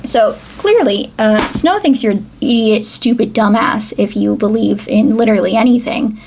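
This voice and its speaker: A woman's voice: fairly high pitch, normal speed, vocal fry, darkish tone, slight background noise. A woman hosting a casual geography explainer, chatty and full of "like" and "um", who reads book passages aloud. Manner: chatty, frequent "like" and "um". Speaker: geography video host.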